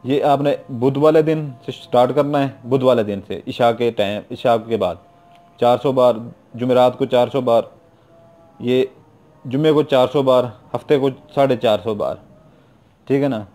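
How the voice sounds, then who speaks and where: A middle-aged man with a Pakistani Urdu accent, talking through instructions in a loose, repetitive way. His voice is mellow and dark in tone, at an ordinary pitch for a man. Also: normal speed. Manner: repetitive, informal, keeps adding "theek hai na". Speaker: YouTube occult practitioner. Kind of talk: casual spoken instruction.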